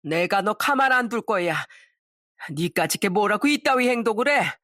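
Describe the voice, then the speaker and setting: A woman voicing a fierce older mother who loudly scolds her son-in-law in a story drama. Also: medium pitch, animated, normal speed, no echo, clean studio sound. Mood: enraged. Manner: loud, scolding.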